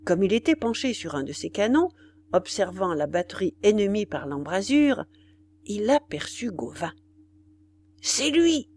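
A woman's voice: medium pitch, sing-song, moderate pace, darkish tone, slight background noise. Woman reading a novel dramatically. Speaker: narrator. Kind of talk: audiobook narration.

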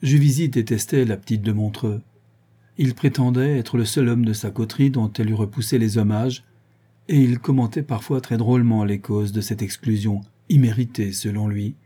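A man narrating a novel as an audiobook in a measured, literary storytelling style. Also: fairly low pitch, steady tone, warm tone, slightly rough.

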